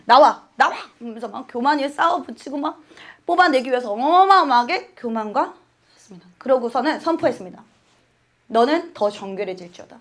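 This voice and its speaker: Woman, high voice, church testimony, emotional, acts out her prayers, laughs between lines. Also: animated, brisk, a bit bright. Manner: laughs often while talking. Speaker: church speaker giving testimony. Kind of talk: sermon testimony.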